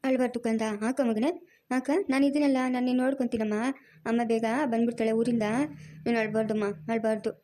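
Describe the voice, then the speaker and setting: A woman's voice: fairly high pitch, level tone, quick pace, warm tone, lightly acted. A woman playing a worried grandmother who soothes her crying grandson and refuses to send him away, in a homemade family drama. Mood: soothing. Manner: soothing, pleading, protective.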